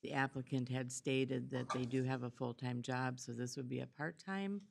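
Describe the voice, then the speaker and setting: A woman county commissioner asking questions and commenting at a public board meeting, measured and hesitant with fillers. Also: extremely low pitch, fairly even intonation, gravelly, background noise.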